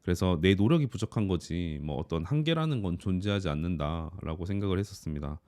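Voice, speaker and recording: A thirty-year-old man, an office worker and YouTuber, reflecting on his year in an earnest, calm personal monologue. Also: deep voice, fast, no echo, studio quality.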